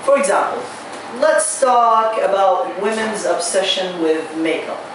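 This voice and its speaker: A young man from Arabia, performing a stand-up set at an open mic in a small bar, halting and restarting his lines. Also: high voice, expressive. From Saudi Arabia. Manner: halting delivery with restarts and drawn-out pauses. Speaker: stand-up comedian. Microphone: handheld mic, recorded by far camera. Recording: echoey bar from far camera with noise.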